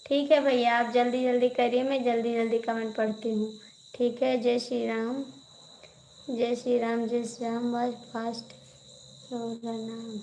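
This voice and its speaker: A woman with an Awadhi accent speaks slowly and evenly into her phone during a live stream, with a fairly high voice that barely rises or falls. She reads viewer comments aloud and answers them in an unhurried, steady way. Faint crickets chirp in the background. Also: a little hiss or hum, poor audio. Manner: slow, even reading of comments with thanks and devotional greetings. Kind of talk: casual live-stream chat.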